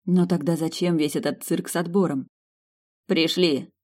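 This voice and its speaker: A woman reads a fantasy romance audiobook in the first person. Her voice is low and deep. She tells it with a lively, ironic touch. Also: fairly quick. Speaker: audiobook narrator. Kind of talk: scripted first-person narration.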